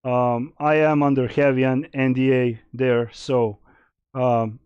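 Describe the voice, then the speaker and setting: A man's voice: medium pitch, flat delivery, slow, clean tone, no echo, highs cut off. A young man from Serbia, casually streaming and answering chat questions in a rambling way with many fillers. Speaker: game streamer.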